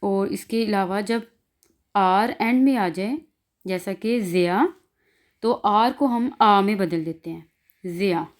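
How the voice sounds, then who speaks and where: A woman with a Pakistani Urdu accent teaches pronunciation in an online class. She speaks very slowly in a mid-range voice and draws out each example sound, saying it again and again. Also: medium pitch. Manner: slow, drawn-out, repeating each example sound. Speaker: language teacher.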